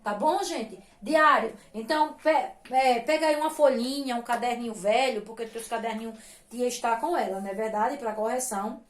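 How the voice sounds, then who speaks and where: A woman teaching young children with a Brazilian Portuguese accent, patient and sing-song, spelling syllables out slowly. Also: fairly high pitch, roomy sound. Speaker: primary school teacher. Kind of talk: recorded lesson for young children.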